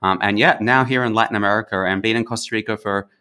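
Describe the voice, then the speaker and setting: An Australian man in his forties chats easily as an interview guest. His voice is low-pitched and bright, with a forward edge. He talks in a friendly, loose way, full of ums and restarts. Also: steady tone, quick pace, smooth. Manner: friendly, with frequent fillers and restarts. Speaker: podcast guest. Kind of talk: conversational interview.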